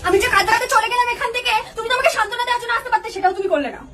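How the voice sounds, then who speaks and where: A woman's voice: very high-pitched, rapid-fire, recorded from a distance. A woman playing a sulking, touchy young wife who complains and pities herself in a comic sketch. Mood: indignant. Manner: huffy, complaining, melodramatic. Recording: echoey room, off mic, background noise.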